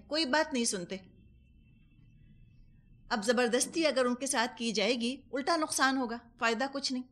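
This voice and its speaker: A woman's voice: on the high side, a bit bright. A woman with a Pakistani Urdu accent giving a Quran commentary lesson, explaining patiently with everyday examples and dropping English words into her talk. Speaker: Quran teacher.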